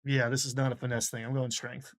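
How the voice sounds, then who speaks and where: A man playing a tabletop game, decisive and brisk, speaking of his character in third person. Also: mid-range voice, flat delivery, dry recording. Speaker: player.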